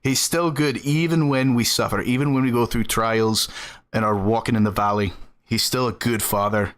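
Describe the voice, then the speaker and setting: A man's voice: mid-range voice, steady tone, normal speed, fairly bright tone. A man from the American South chatting earnestly with his live-stream audience while playing a game. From Southern United States. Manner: earnest, chatty, answers chat between gameplay. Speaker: gaming streamer. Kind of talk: casual live-stream chat.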